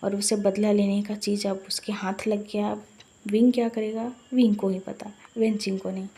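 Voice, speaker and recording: A woman's voice: mid-range voice, level tone, normal speed, mellow. A woman narrating a fan-fiction story in a chatty, retelling way, with lots of fillers.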